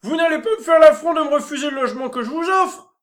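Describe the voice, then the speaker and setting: A man doing a loud, greedy innkeeper. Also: very high-pitched, fast talker. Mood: fawning. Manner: shouting, fawning then indignant. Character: loud greedy pushy male village innkeeper. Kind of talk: audiobook character reading.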